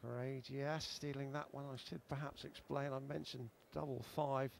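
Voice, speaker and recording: A man's voice: mid-range voice, flat delivery, moderate pace, creaky, noisy background. A man giving chatty, explanatory darts commentary as part of a broadcast.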